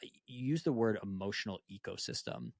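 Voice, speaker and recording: A man's voice: on the low side, huge pitch swings, a little fast, vocal fry, dry recording, clean studio sound. Laid-back man hosting a podcast. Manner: casual, filler-heavy, says "like" constantly. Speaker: podcast host. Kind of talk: casual podcast interview.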